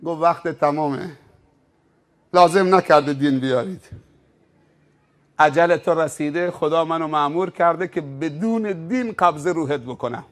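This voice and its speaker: Preacher guy doing the angel of death, stern and bossy, high shouty orders. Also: pauses often, lightly acted. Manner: barking orders, then coldly listing the man's riches.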